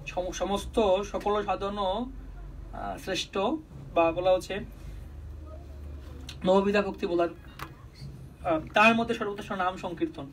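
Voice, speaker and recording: A man's voice: high-pitched, distant mic, a little hiss or hum, poor audio. A man giving a devotional sermon, explaining with homely examples and chanting verses. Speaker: preacher.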